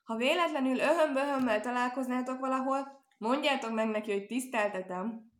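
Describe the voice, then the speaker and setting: A woman's voice: mid-range voice, animated, close to an everyday voice. Woman voicing a cheeky trickster hare. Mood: sly. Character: cheeky, cunning male hare. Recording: roomy echo.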